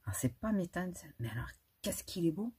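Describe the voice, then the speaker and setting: A woman's voice: on the low side, sing-song, normal speed, dark tone, breathy edge. A middle-aged woman reviewing a makeup palette in a casual vlog, chatty and hesitant, with frequent restarts and small laughs. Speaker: beauty vlogger.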